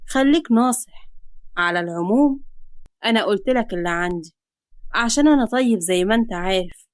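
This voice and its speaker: A woman's voice: mid-range voice, animated, no room sound, close to an everyday voice. A woman with an Egyptian Arabic accent voicing a menacing, mocking young man who calls himself a psycho, taunting and threatening in a storybook reading. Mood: mocking menace. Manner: taunting, sarcastic, slow and threatening.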